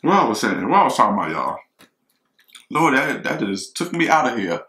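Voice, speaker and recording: A man's voice: medium pitch, very animated, fairly quick, pushed and bright, roomy sound, low-quality recording. A man, rambling casually to viewers while eating in his kitchen. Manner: chatty, rambling, talks to viewers as y'all. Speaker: mukbang vlogger. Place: kitchen at home.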